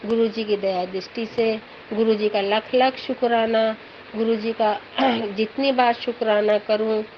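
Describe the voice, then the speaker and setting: A middle-aged woman earnestly telling a rambling, emotional devotional testimony about her husband. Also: a little high. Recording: dull lo-fi audio with faint background noise.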